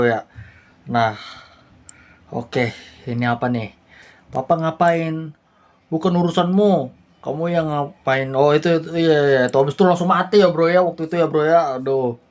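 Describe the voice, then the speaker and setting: A woman's voice: low-pitched, darkish tone. Chatty woman giving casual game commentary. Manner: chatty, slangy, keeps saying "bro". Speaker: gaming channel host.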